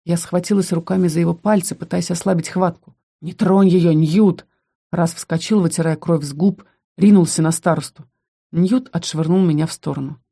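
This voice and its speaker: A woman narrates a first-person fantasy story at a steady, even pace. Her voice sits low, with a dark, mellow tone. She tells the story plainly and calmly. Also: fairly quick, vocal fry, slightly rough. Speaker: audiobook narrator.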